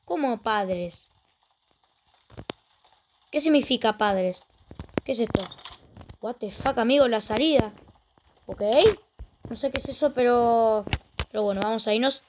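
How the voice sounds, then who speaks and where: A woman with a Rioplatense Spanish accent, chatting casually through a let's play and exclaiming often. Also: a little high. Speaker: gaming channel host.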